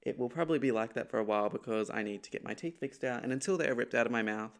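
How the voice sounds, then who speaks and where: A man's voice: mid-range voice, racing. A young man with a lisp, hosting a casual solo podcast and telling a gossipy story with laughing asides. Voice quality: lispy. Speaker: podcast host.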